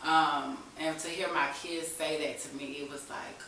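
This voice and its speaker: A woman in her thirties has a deep, slightly bright voice, keeps a steady tone and speaks at normal speed. As an interview guest she shares an honest personal story conversationally, in informal vernacular sprinkled with "you know." The sound is echoey, with a distant mic and faint hiss.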